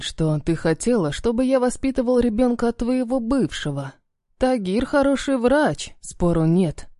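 A woman's voice: medium pitch, mellow, dry recording, clean studio sound, lightly acted. A woman voicing a stern, cold-tempered man who speaks in clipped, commanding lines.

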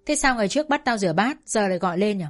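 A woman's voice: medium pitch, expressive, racing, soft background music, lightly acted. A woman voicing a naive, anxious teenage girl in a spoken story, talking in a raised, fretful way. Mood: puzzled.

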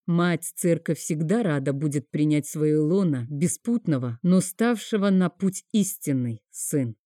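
A woman voicing a calm, scornful older high priest in an audiobook. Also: measured pace, no room sound, clean studio sound. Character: high priest, older man, cold and sarcastic.

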